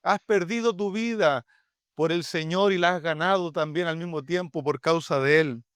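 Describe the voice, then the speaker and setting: High, clear-voiced Chilean pastor preaching. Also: male voice, normal speed, a bit bright, no echo, studio quality. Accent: Chilean Spanish. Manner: earnest, pleading preaching with repeated direct address. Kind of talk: sermon.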